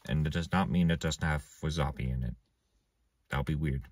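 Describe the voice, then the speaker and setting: A man's voice: extremely low pitch, fairly even intonation, fairly quick, a little mellow. A man in his thirties casually co-hosting a snack review in a parked car, crude and joking, crunching chips between remarks. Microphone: camera on dashboard, a little away. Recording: slightly distant, faint noise, bag crinkling.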